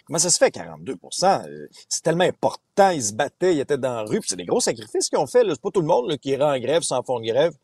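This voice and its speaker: A man from Abitibi with an Abitibi Québécois accent, a radio columnist chatting casually and telling stories full of fillers, calling in from his parked car at a highway rest stop. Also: sing-song, fast, few pauses, a little mellow, slightly rough, no room sound. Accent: Abitibi Québécois French. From Abitibi, Quebec. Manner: chatty, storytelling, filler-heavy. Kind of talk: casual chat on talk radio.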